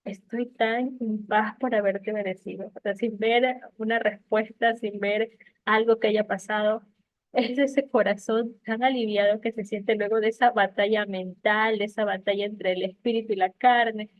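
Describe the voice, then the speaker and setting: A woman's voice: medium pitch, fairly even intonation, normal speed, dry recording. A woman in her thirties sharing a heartfelt testimony at an online prayer meeting, telling her story with many fillers. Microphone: online call. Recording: tinny phone-like call audio, dry.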